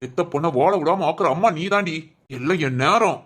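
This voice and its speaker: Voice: mid-range voice, lively intonation, a little fast, a bit bright, a little hiss or hum, lightly acted. A man voicing an angry, domineering husband in a cartoon, scolding his wife harshly. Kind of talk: cartoon family drama voice acting.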